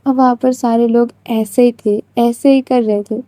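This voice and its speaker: A woman's voice: fairly high pitch, steady tone, moderate pace, warm tone, no room sound. A woman storyteller narrating a story in a chatty, casual way with many fillers.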